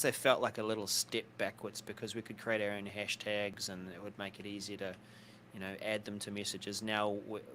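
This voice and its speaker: A man's voice: lowish voice, fairly bright tone, slight background noise. A man co-hosting a live show in casual chat, joking and laughing easily while thinking aloud. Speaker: podcast co-host.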